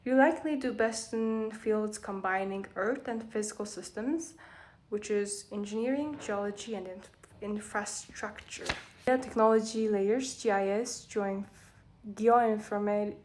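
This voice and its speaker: This vlogger is a young woman whose first language is Mongolian, and her accent shows it. Her voice sits at medium pitch with a somewhat dark tone, and she takes her time. She reads aloud and riffs loosely, often backtracking to fix what she said, over faint background noise.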